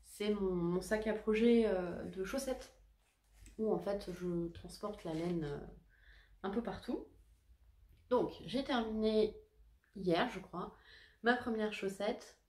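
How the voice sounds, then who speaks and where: A woman's voice: medium pitch, slow, long pauses, darkish tone. A woman hosting a knitting podcast, talking casually to camera in a chatty, hesitant and self-deprecating way. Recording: echoey room.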